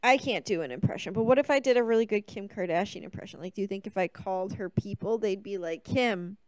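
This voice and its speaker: A woman's voice: mid-range voice, a little mellow. A woman co-hosting a casual podcast, reacting to a film with chatty, joking comments. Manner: chatty, quick reactions, jokey asides. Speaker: podcast co-host.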